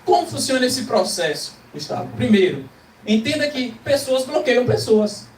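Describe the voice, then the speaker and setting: A man's voice: very high-pitched, sing-song, moderate pace, a little hiss or hum. A man with a Brazilian Portuguese accent preaching a motivational sermon to a live audience, emphatic and full of rhetorical questions. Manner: emphatic, rhetorical questions, acts out quoted voices. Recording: echoey hall, distant mic, faint ambience.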